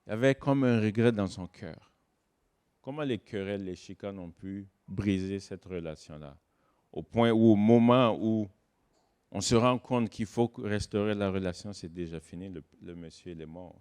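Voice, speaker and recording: A guest pastor preaches a sermon in a smooth voice, swinging between loud, emphatic stresses and hushed, low asides. He slows down to lean on key words.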